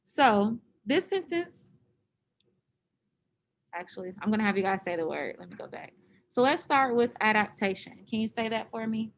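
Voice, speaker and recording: A woman's voice: on the high side, animated, moderate pace. A woman teacher leading an online class, patiently explaining step by step over a computer microphone.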